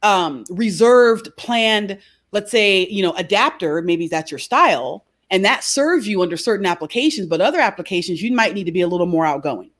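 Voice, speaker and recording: Animated woman coach telling stories. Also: medium pitch, normal speed. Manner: animated storyteller, frequent "right?". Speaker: guest, behavior coach. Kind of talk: conversational interview.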